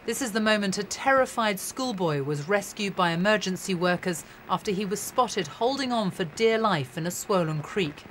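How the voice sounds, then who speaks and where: A woman's voice: medium pitch, animated, moderate pace, hardly any pauses, a bit bright, a little hiss or hum, poor audio. A woman reporter narrating a scripted news report in a dramatic, descriptive way.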